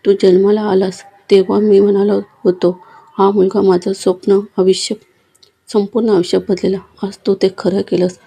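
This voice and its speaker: A devoted, worn-down old father from a storybook speaks, as a woman narrator puts him on. The voice is mellow and a bit husky, with a gentle, tender manner and a flat, even pitch. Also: moderate pace. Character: loving, worn-out elderly father.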